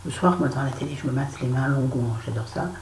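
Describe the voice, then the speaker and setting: A middle-aged beauty vlogger chats casually through a review of her used-up products, playfully putting on a southern French accent. Her voice is very deep and a little mellow, and she talks fast. The room is echoey, with faint background noise.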